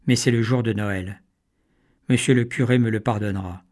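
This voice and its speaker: A man's voice: on the low side, steady tone, normal speed, a little mellow, lightly acted. A man voicing a poor, brave and dutiful peasant boy who speaks earnestly and resolutely in a storybook reading.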